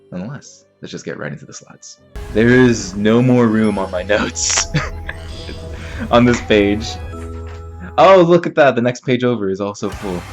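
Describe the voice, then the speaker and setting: A young man with a medium-pitched voice hosts an anime reaction, sounding slightly stuffy and sniffly from a cold. His commentary is rambling and excitable, full of fillers and restarts.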